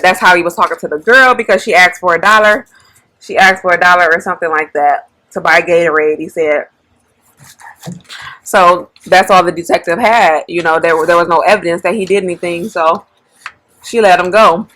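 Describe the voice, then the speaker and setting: A woman hosting a mukbang, casually retelling a story in a relaxed, slangy way with lots of fillers. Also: on the low side, moderate pace. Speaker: mukbang channel host. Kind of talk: casual storytime while eating.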